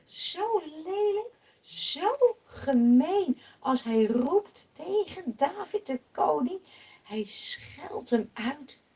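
A woman telling a Bible story expressively, swinging from emphatic to hushed. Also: high-pitched, sing-song, extremely slow.

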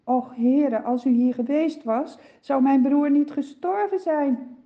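A woman's voice: high-pitched, slow, phone-quality sound, pitched above the performer's own voice. A woman voicing a grieving, faithful young woman who pleads tearfully in a children's story. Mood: pleading.

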